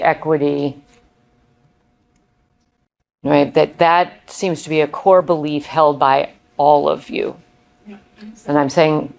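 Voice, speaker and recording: A woman's voice: lowish voice, rough recording. A woman facilitating a board retreat, keeping the group moving with an upbeat, encouraging way of talking. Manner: upbeat, encouraging, thinks aloud. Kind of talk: guiding a group discussion. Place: meeting room.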